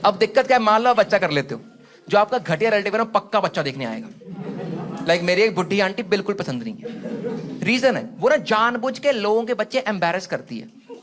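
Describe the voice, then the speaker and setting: High-voiced man doing stand-up. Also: lively intonation, fairly quick, a crowd in the background. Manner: conversational, mixes in English phrases, acts out quotes. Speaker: stand-up comedian. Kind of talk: stand-up comedy set. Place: comedy stage before a live audience. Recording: loud live audience laughter and noise.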